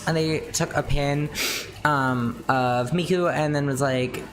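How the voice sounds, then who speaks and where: A young adult woman chatting casually on a livestream, rambling with lots of fillers and casual swearing, her pitch jumping up and down as she talks. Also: slow, noisy background. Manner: animated, wide pitch swings. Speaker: streamer.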